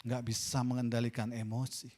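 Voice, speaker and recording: A man with an Indonesian accent preaching a sermon as pastor in a church, swinging between loud, mocking asides and quiet, confessional lines. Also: medium pitch, completely flat delivery, a little fast. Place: church sanctuary. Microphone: pulpit microphone.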